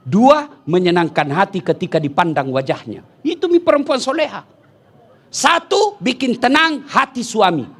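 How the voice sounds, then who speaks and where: A man preaching a lively, humorous sermon, telling stories with bursts of shouting and laughter. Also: high-pitched, normal speed, breathy edge.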